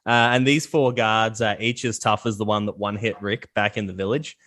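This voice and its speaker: A man's voice: on the low side, steady tone, moderate pace, a bit bright. A man narrating a tabletop game as game master in an easygoing way. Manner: easygoing, laughs often.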